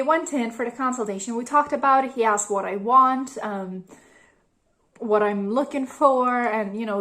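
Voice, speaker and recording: A woman's voice: a little high, a bit bright. A young woman from Lithuania talking candidly at home in a casual personal vlog, full of "you know" and "like". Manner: chatty and candid, many fillers like "you know" and "like". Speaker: vlogger. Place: home, a cat nearby.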